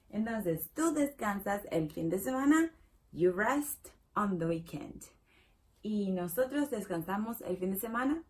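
Speaking in Spanish, a woman teaches a basic English lesson, patiently repeating each example, checking in with the viewer, and saying the English model sentences extra slowly. Her voice is mid-range with a darkish tone.

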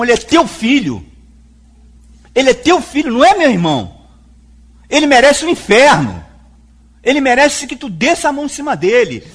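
A man's voice: extremely high pitch, a bit bright, breathy edge. A man with a Brazilian Portuguese accent preaching a sermon as a pastor, speaking emphatically to the congregation and acting out quoted dialogue. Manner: acts out quoted speech in dialogue.

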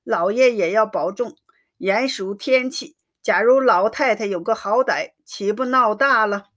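A woman's voice: mid-range voice, unhurried, fairly bright tone, close to an everyday voice. A woman voicing a grieving mother in her fifties who pleads through tears. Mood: tearful. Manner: tearful, pleading. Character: grieving middle-aged mother, tearfully pleading.

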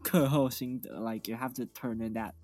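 A man's voice: mid-range voice, steady tone, moderate pace, darkish tone, dry recording. Young guy, english, telling a story on a podcast, faint music. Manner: chatty, storytelling. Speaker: podcast co-host. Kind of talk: casual chat.

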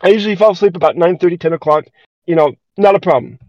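Speaking fast in a high-pitched, darkish voice, this podcast co-host rambles through a story, hesitating and restarting often. There's no room sound, and the recording is dull, lo-fi and dry.

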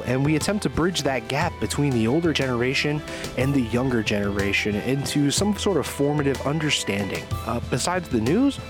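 A male podcast host reading out a gaming news roundup in an easygoing way, with plenty of "uh" and "you know." His voice sits at an ordinary pitch, and music plays steadily underneath. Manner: relaxed, filler-laden delivery.

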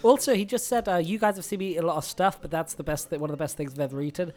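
Man, podcast co-host, chatty and giggly, slightly high voice. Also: rapid-fire, a little mellow. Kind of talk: casual chat while watching a show.

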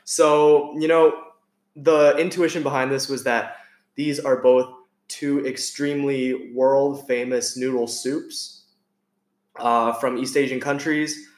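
A man hosts a relaxed food podcast, chatting easily and asking his guest curious questions. His voice sits in a mid range and rings with a noticeable roomy echo. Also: mid-range voice, slow pace. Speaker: podcast host. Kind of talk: casual chat.

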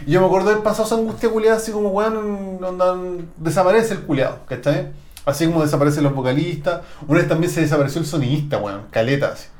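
Fast-talking Chilean man, slangy storyteller. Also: on the high side, a little mellow, reverberant. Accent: Chilean Spanish. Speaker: podcast host. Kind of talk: casual chat.

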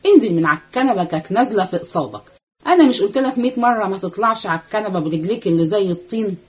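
A woman voicing a bossy, sharp-tongued middle-aged housewife with an Egyptian accent, scolding and impatient. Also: medium pitch, expressive, very fast, husky. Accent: Egyptian Arabic.

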